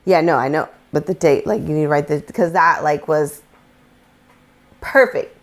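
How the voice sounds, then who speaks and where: A woman speaking candidly and reflectively in a casual conversation, often halting mid-sentence. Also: deep voice. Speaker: guest.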